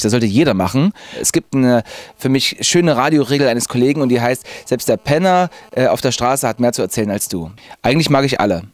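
This man in his thirties hails from Zwickau in Saxony, Germany, and works as a radio presenter. His medium-pitched voice has no echo as he talks into a handheld reporter mic in the studio, sharing a casual personal story to camera with lively, chatty enthusiasm.

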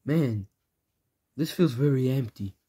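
A young man talking casually in a homemade comedy skit, unpolished and relaxed. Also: mid-range voice, slow pace, husky. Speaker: toy comedy creator.

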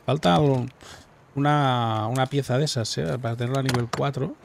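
A man giving relaxed, musing commentary while playing a game at home on a headset. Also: medium pitch, brisk, gravelly, background noise. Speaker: gameplay streamer. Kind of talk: casual gameplay commentary.

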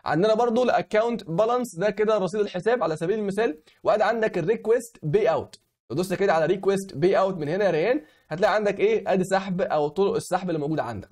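A young man from Egypt guides viewers through a website as an online tutorial host, recording his screen as he goes. Hoarse from a cold, his voice sits high with a darkish tone and carries an Egyptian Arabic accent, and he keeps asking "okay?" to make sure the audience is following.

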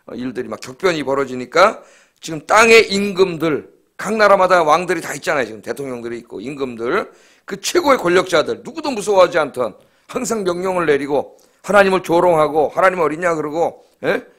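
A man's voice: on the high side, lively intonation, fairly quick, fairly bright tone. A middle-aged man preaching a dawn service sermon as pastor in a church. He speaks emphatically and often prompts the congregation with short questions. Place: church sanctuary.

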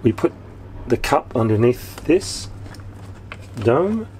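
Man in his fifties, step-by-step how-to talk, boat deck outdoors, camera mic, clear background noise. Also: mid-range voice, sing-song, slow pace, a little mellow. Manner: plain, step-by-step, while working with his hands. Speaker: sailor showing a boat repair. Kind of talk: casual how-to explanation. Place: outdoor deck of a sailboat at anchor. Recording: outdoor wind and ambient noise.

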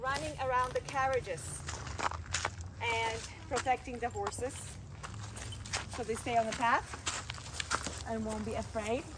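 Her voice is on the high side and fairly even, with a measured pace and long pauses, as this middle-aged woman earnestly shares dog advice in non-native phrasing. She vlogs about her dog on a wooded hiking trail. Another person films a few steps away, capturing noisy outdoor audio.

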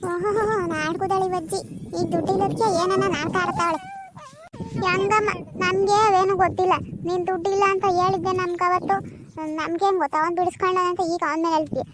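A very high, oddly flat cartoon village mother who defends her son. She talks quickly and does not let up. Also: very noisy. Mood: indignant. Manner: indignant arguing. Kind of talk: cartoon comedy voice acting.

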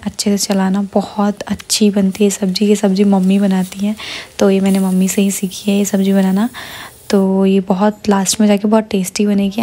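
A woman talking through a home cooking recipe step by step, speaking softly and slowly because a child is asleep beside her, with fillers and self-corrections. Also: medium pitch. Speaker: vlogger. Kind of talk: cooking vlog narration.

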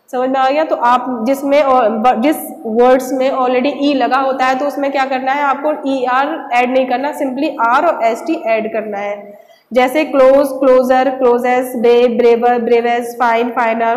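A woman's voice: high-pitched, slight background noise. A woman teaching an English grammar lesson to children, patiently asking and answering her own questions. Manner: repeats rhetorical questions, slow and patient. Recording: echoey room with long reverb.

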